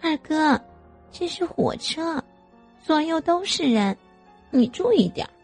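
A woman's voice: high-pitched, animated, a little slow, a little mellow, soft background music, voice pushed up. A woman voicing a playful young adult younger sister with a coy, whiny teasing tone.

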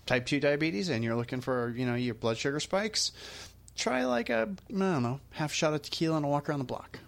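A man's voice: a little high, expressive, a little fast, gravelly. Chatty male podcast host, jokey and informal. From Arizona. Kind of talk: casual, upbeat podcast hosting and ad reads.

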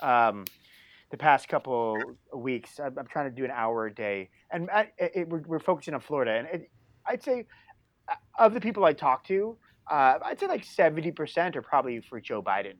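A man's voice: a little high, sing-song, a little fast, no echo. A man co-hosting a casual panel chat, talking in a heated, profane way and laughing often. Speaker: podcast co-host.

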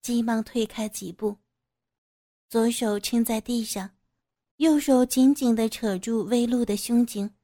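A woman reading an audio story aloud with steady, even storytelling narration. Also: on the high side, measured pace.

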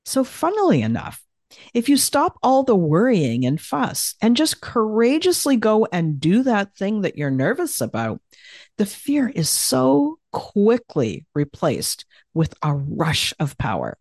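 A woman hosting a solo podcast, giving encouraging advice in a soothing way with slow, emphatic pauses. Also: medium pitch, wildly swooping pitch, darkish tone, no echo, studio quality. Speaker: podcast host and coach.

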